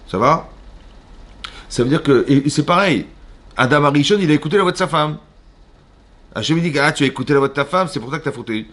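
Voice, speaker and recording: A man with a French accent, a rabbi giving an animated Torah class in a synagogue, questioning his listeners and acting out voices. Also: medium pitch. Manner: animated, asks the audience questions, acts out voices. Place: synagogue hall.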